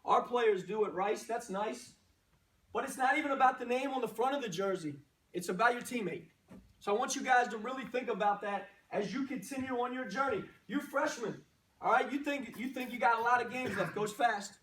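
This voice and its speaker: A man's voice: very high-pitched, fairly quick, a bit bright, slight background noise. A man speaking as a coach, giving a motivational pregame pep speech to a team in short, punchy phrases and exhorting rhetorical questions. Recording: roomy echo, distant microphone.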